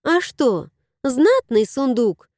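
A woman's voice: high voice, sing-song, slow, a little mellow, no room sound, clean studio sound, heavily acted. A woman voicing a cheerful, affectionate young wife who gushes in exclamations in an audiobook. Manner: gushing, exclamatory.

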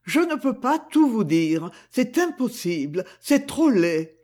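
Timid young wife, raised pitch, tense but firm, voiced by a husky male reader. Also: very animated, measured pace, exaggerated voice. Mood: distraught. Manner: tense, pleading, then firm. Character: timid young wife, standing her ground.

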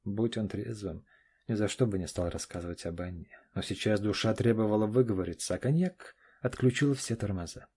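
A man reads a scripted audiobook narration in a measured, even storytelling style. His pitch is fairly low and his voice slightly rough.

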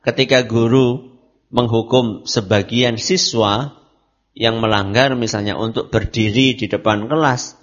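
A man's voice: mid-range voice, fairly even intonation, a little slow, lo-fi sound. A man giving a religious study lecture on parenting, asking and answering his own questions. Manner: asks and answers his own questions, mixes in Javanese words. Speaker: Islamic preacher.

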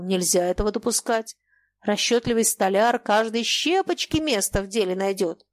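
A woman voicing a cantankerous old merchant who lectures sarcastically and turns shrill when angry. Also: darkish tone, no echo, close to an everyday voice. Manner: scolding, sarcastic, turning shrill when enraged. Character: cantankerous old merchant man, sly, quick to rage.

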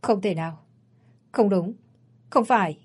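A woman's voice: mid-range voice, measured pace, husky. A woman voicing a frightened but stubborn young woman, pleading and defiant, in a read-aloud story. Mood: scared, pleading.

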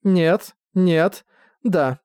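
Brief: man doing a terse, matter-of-fact heroine for an audiobook, lifted pitch. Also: extremely slow, a little mellow, clean tone, no echo, studio quality. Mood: curt. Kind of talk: audiobook reading.

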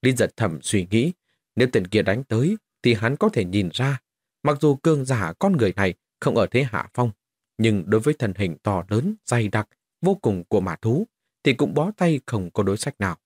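A man's voice: fairly low pitch, big pitch swings, normal speed, a little mellow, slightly rough, no room sound, studio quality. A man narrating a fantasy novel as an audiobook, telling the story expressively.

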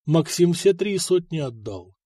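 A man's voice: fairly high pitch, sing-song, unhurried, mellow, slightly rough, no echo, studio quality, heavily acted. A man voicing a bluff, good-natured blacksmith husband who teases and boasts. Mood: gloating.

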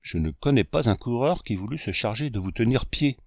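A man's voice: medium pitch, expressive, brisk, darkish tone, dry recording. A man reading a joking young hunter. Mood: teasing.

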